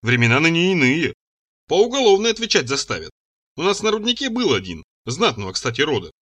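A man voicing a calm, gloomy male servant who talks in a matter-of-fact way, in an audiobook reading. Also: on the high side, fairly quick.

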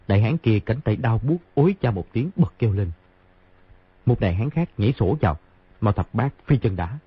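A man narrating a martial-arts novel in an expressive, brisk storytelling way. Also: lowish voice, breathy edge, dry recording. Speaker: audiobook narrator. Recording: tinny phone-like sound.

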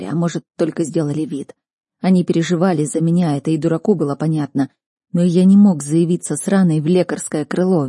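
A woman reading first-person fantasy narration as an audiobook reader, measured and tense. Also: low voice, mellow, breathy edge, no room sound, studio quality.

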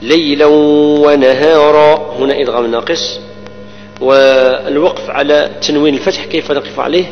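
A man teaches the rules of Quran recitation, explaining each rule and then reciting example words slowly and repeating them. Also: medium pitch, gravelly, soft background music. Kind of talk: tajweed lesson with recited examples. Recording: dull lo-fi recording with long reverb and hum.

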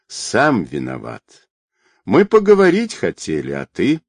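A man's voice: mid-range voice, huge pitch swings, unhurried, no room sound, pitched above the performer's own voice. A sneering fake police captain , put on by a male reader, who swings between mockery and cold threats. His voice leaps up when he taunts and sits in a dry, close recording. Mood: mocking. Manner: mocking, sarcastic, threatening.

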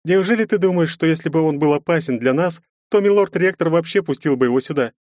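Audiobook: man doing a raised, sharp-tongued young woman student, teasing and lecturing, dry close sound. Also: on the high side, fast talker, no echo, voice pushed up, lightly acted. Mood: scolding. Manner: mocking, lecturing. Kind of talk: audiobook narration.

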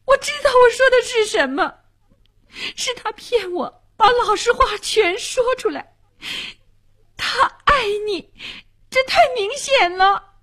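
A woman voicing a distraught young girl in a radio storytelling, pleading high and close to tears. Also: animated, slow pace, fairly bright tone, heavily acted. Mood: hurt. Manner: high, pleading, near crying.

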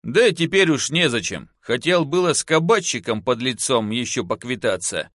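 Gruff male outlaw, curt, menacing, sullen, voiced by a man, dry sound. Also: medium pitch, lively intonation, normal speed, fairly bright tone, no room sound, natural voice.

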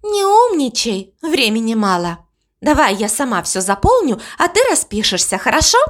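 A woman reading an audiobook voices Death as a young female trainee, brisk, bossy and matter-of-fact. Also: on the high side, big pitch swings.

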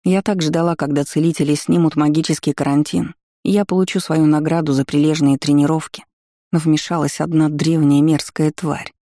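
A man reads a fantasy audiobook in steady, scripted narration. His voice is gravelly and mellow, recorded dry and close. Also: fairly high pitch, moderate pace, dry recording.

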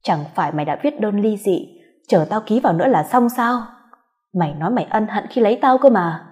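Woman reader as bitter grieving wife, cold contempt, warm low tone. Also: animated, fairly quick, close to an everyday voice. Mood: cold hatred. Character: bitter vengeful wife grieving her son.

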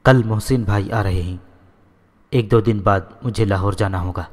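Man reading a gentle young lady, low voice, echoey. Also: lightly acted. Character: gentle young woman of the house.

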